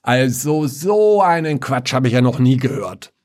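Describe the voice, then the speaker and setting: A man's voice: mid-range voice, lively intonation, measured pace, darkish tone, no echo, clean studio sound, pitched above the performer's own voice, lightly acted. A man voicing a grumpy dead father who speaks from his grave in a raised, blustering, quarrelsome voice.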